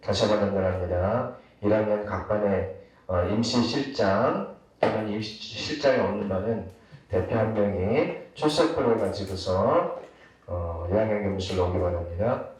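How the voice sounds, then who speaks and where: A man making a public announcement over a school intercom loudspeaker, measured and repeating the notice with filler pauses. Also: on the low side. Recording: echoey loudspeaker heard from far off in a classroom.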